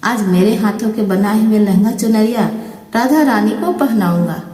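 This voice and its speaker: A woman's voice: medium pitch, normal speed, mellow, close to an everyday voice. A woman voicing a devout old male saint in his eighties who speaks with earnest, longing devotion. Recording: roomy distant mic with long reverb.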